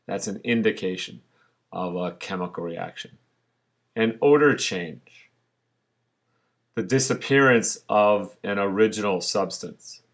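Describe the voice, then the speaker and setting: Low-voiced man teaching science. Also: measured pace, long pauses, fairly bright tone. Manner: patient, explanatory, with frequent fillers. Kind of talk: recorded online lesson over slides.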